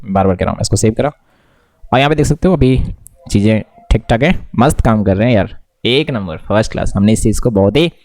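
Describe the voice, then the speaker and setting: Chill coding teacher guy, mellow low-key voice, dry close mic, keeps asking if you got it. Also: no room sound. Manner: casual, keeps checking in with the viewer; mixes English tech words into his talk. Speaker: coding tutor. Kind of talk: screen-recorded coding lesson.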